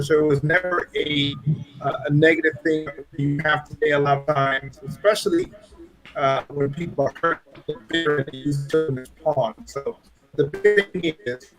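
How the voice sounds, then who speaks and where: A man's voice: a little high, fairly even intonation, normal speed, fairly bright tone, faint music behind, rough recording. A man from Trinidad with a Trinidadian accent, a pastor and guest, telling his story in an earnest, reflective way. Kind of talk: casual chat.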